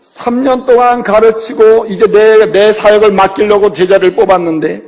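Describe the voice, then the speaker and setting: A man voicing a resolved male teacher thinking aloud, slow and earnest, with long church reverb around him. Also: high voice, fairly even intonation, a little mellow. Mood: reflective.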